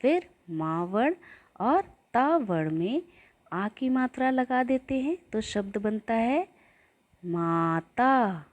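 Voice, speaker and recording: A woman teaching young children, chanting rhymes and sounding out syllables in a slow sing-song way so they can repeat after her. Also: a little high, animated, a little mellow. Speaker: primary school teacher.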